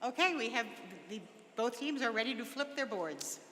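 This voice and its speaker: A woman's voice: a little high, expressive, moderate pace, a bit bright, a little hiss or hum. A woman, moderating a spelling bee with playful asides to the teams and the audience. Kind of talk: live event moderation. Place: large event hall with an audience. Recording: reverberant hall, faint crowd.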